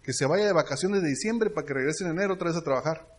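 A middle-aged man with a Mexican Spanish accent delivers a motivational seminar talk in a high-pitched voice. He tells stories and often stops to check that the audience is following him. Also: racing. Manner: storytelling that keeps checking in with the audience. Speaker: business leadership speaker.

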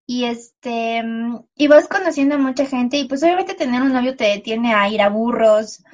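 A woman's voice: a little high, normal speed, dull audio. A young woman with a Mexican accent, co-hosting a casual podcast chat and animatedly quoting people. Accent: Mexican Spanish. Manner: animated, quotes people in mock voices. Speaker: podcast co-host.

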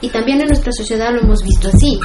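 A woman talks in a thoughtful, measured conversational tone. Her voice sits a touch high. Echo fills the room, and music plays clearly behind her. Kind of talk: casual conversation.

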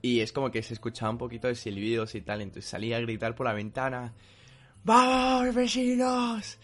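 A man's voice: mid-range voice, level tone, quick pace. Guy cohosting a podcast, laughs a lot, chatty storyteller. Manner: laughing, storytelling, bursts of shouting in retold scenes. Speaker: podcast co-host. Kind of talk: casual chat.

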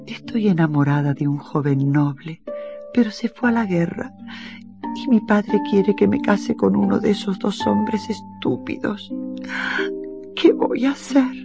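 A storyteller voicing a young lovesick lady trapped in a tower, speaking in a high, pleading, tearful tone. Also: big pitch swings, a little slow, music in the background. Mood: distressed.

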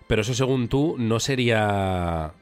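Podcast guy, lowish voice, acts out bits in his stories, faint music underneath. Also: unhurried, clean tone. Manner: animated storyteller, acts out voices. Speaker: podcast co-host. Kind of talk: casual chat.

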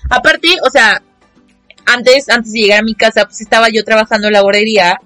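Young Mexican woman, vlogger, high-ish voice, dramatic and expressive, faint music under her. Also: a little fast. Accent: Mexican Spanish. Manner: expressive, dramatic, acts out quotes in mocking voices. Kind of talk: casual storytelling vlog.

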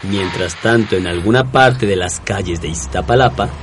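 A man's voice: deep voice, moderate pace, loud music behind the voice. A man with a Mexican accent narrates a comic scripted story in a wry, self-correcting manner.

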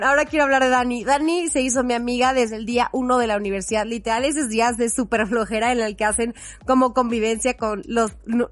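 A young woman co-hosts a podcast, speaking in a slightly high voice. She is chatty and effusive, and she laughs often. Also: no echo. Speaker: podcast co-host. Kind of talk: casual chat.

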